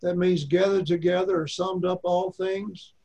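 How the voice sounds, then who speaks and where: A man's voice: sits high, level tone, unhurried, warm tone, dull audio. A man in his seventies from Arkansas with an Arkansas accent, teaching a Bible class in a folksy way and repeating his points for emphasis.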